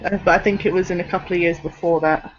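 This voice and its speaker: A woman's voice: lowish voice, fairly even intonation, fast talker. A woman co-hosting a podcast in casual chat, hesitant and thinking aloud. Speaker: podcast co-host. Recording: dull podcast recording.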